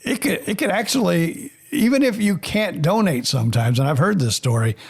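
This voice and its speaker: A man's voice: sits high, expressive, moderate pace, gravelly, slightly rough. A man hosting a podcast in casual interview talk, loose and full of uh fillers and restarts. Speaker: podcast host.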